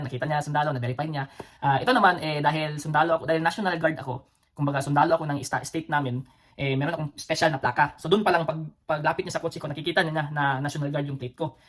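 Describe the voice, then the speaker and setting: A man's voice: on the high side, fairly even intonation, very fast. A man from the Philippines with a Cebuano accent, hosting a casual storytelling vlog. He rambles, with many fillers and restarts, and chuckles between phrases. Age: adult, former soldier with children. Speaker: vlog host.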